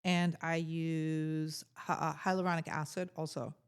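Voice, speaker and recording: Earnest lower-voiced middle-aged woman. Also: level tone, unhurried, smooth. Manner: emphatic and earnest, with frequent restarts. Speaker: podcast co-host. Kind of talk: casual chat.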